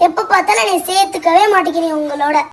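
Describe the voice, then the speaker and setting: A woman's voice: very high-pitched, racing. A woman voicing a left-out little girl in a doll-play story, whiny and hurt.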